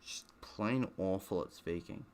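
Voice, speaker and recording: A gaming streamer with a low, slightly mellow voice reads a visual novel aloud at a measured pace, with a little hiss or hum in the recording. He stumbles a bit and drops offhand, self-deprecating remarks.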